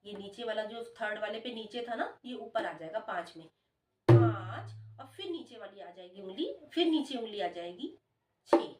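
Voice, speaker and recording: A woman's voice: medium pitch, animated, moderate pace. A woman teaching dholak in an encouraging, friendly way, counting the beats aloud as she plays. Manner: warm, encouraging, coaxing. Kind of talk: friendly music lesson. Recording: roomy, distant, dull sound with dholak drumming.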